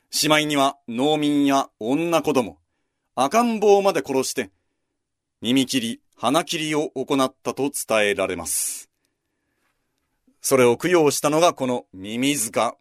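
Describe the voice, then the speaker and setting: A man's voice: mid-range voice, dry recording, studio quality. A man hosting a history program, narrating a walking route in a scripted but conversational way with casual asides. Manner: lively, conversational storytelling with asides.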